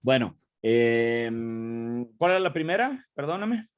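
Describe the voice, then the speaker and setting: A man's voice: mid-range voice, very animated, slow pace, smooth, no room sound. A man giving an online lecture, talking in a loose spoken style with many tag questions and restarts. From Mexico. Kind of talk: online talk with Q&A.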